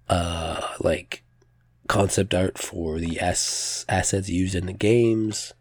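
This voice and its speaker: Man, low-pitched, slightly strained pressed voice, casual podcast commentary, halting and self-correcting, dry close sound. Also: creaky, a little mellow, slightly rough, no room sound. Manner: hesitant, self-correcting, informal. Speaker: podcast host. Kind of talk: casual solo news commentary.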